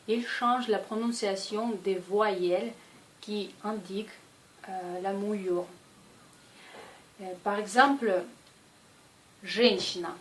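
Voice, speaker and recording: Very slow-paced woman language teacher. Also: medium pitch, steady tone, slight background noise, rough recording. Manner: slow, deliberate, repeats each example word. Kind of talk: language lesson.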